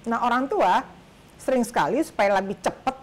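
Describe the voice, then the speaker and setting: A middle-aged woman hosting an interview, speaking in a measured, questioning way. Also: fairly high pitch, expressive. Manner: measured, questioning, frequent backchannel agreement. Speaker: host. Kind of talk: casual interview.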